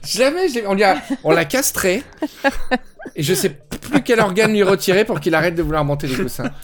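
A woman's voice: medium pitch, lively intonation, fairly quick. A woman hosting a casual podcast chat, teasing and joking with her guests. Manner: teasing, joking, puts on silly voices. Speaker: host. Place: studio.

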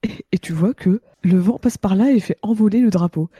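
A woman in her twenties with a hoarse, cracked, gravelly voice from a slight cold, chatting casually on a panel. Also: mid-range voice, brisk, dark tone, no room sound. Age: 20s. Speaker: podcast panelist reading out reviews. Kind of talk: casual chat.

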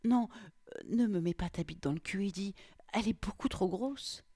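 A woman voicing an adult female lover in an audio story, soft and playfully protesting. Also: mid-range voice, normal speed, dry recording, studio quality, voice pushed up, lightly acted. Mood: coy, teasing.

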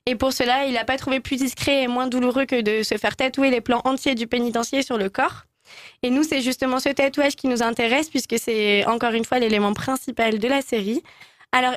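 A woman co-hosts a casual radio show, presenting trivia in a chatty way. Her voice sits a little high. The sound is dry and close. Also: no room sound. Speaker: radio co-host.

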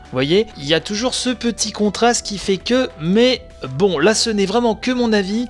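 A man's voice: sits high, moderate pace, soft background music. Chatty man hosting a game news show. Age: adult, married. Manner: chatty, opinionated, with fillers and asides. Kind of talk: casual spoken press review.

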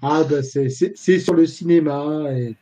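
A man's voice: a little high, unhurried, mellow, low-quality recording. A man co-hosting a casual football talk show, rambling with fillers and dry jokes. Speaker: football podcast co-host.

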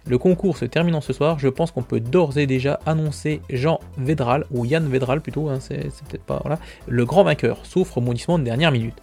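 Gravelly, husky man hosting a podcast. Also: medium pitch, fairly quick, few pauses, a little mellow, faint music behind. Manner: chatty, self-mocking asides, frequent fillers. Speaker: podcast host. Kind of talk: casual news roundup.

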